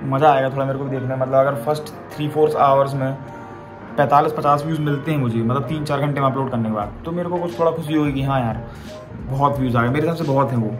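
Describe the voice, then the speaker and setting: A young adult man vlogs into a phone camera held at arm's length, rambling casually to his viewers in a daily video. His medium-pitched voice moves fast with fairly even intonation, and music plays in the background.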